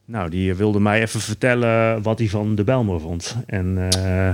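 A man with a fairly low voice chats casually on a podcast. He tells an everyday story at an easy pace, leaning on fillers and "I was like" asides. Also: measured pace, smooth. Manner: relaxed anecdote-telling with many fillers. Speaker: podcast co-host.

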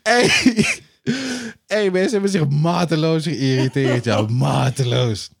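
A man's voice: fairly high pitch, unhurried, creaky. A man in casual chat, joking and laughing through his stories. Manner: laughing, joking, expressive reactions.

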